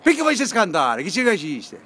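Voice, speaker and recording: A man's voice: sits high, wildly swooping pitch, normal speed, sharp tone, slight background noise. A man with a Sicilian accent speaking Sicilian dialect in casual, teasing chat to a dog, sometimes slipping into broken English.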